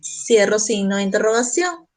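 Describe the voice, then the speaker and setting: A woman English teacher giving a classroom grammar lesson, walking through each step slowly and deliberately. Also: mid-range voice, expressive, soft background music, low-quality recording.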